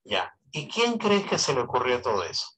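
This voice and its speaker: A male teacher lecturing on economics to an online class through a voice amplifier. He keeps asking his students questions and repeats key phrases to drive each point home. His voice sits at an ordinary middle pitch. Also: huge pitch swings, normal speed, fairly bright tone, slightly rough, rough recording. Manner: asks students constant rhetorical questions.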